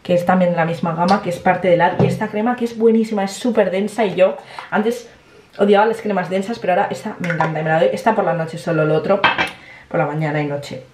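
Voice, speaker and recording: A woman's voice: on the low side, fairly even intonation, quick pace, background noise. A woman, chatting casually to camera in a vlog, swearing freely and slipping in English words. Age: early 20s. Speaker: vlogger.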